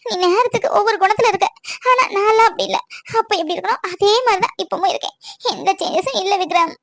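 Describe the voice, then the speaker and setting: A woman's voice: very high voice, quick pace, creaky, no echo. A young woman voicing a lonely, tearful girlfriend who complains and pleads with her boyfriend.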